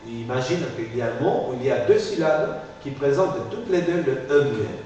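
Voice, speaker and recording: A man's voice: medium pitch, lively intonation, normal speed, darkish tone. A man teaching a phonetics class. He explains step by step and keeps checking in with "ok?". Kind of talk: classroom lecture. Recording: echoey classroom from far off, faint hiss.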